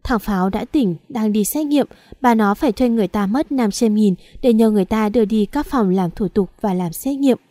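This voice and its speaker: A woman's voice: medium pitch, a little fast, dark tone, no echo, studio quality, lightly acted. A woman voicing a frightened young village girl who is crying and agitated as she speaks, within an audiobook. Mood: tearful.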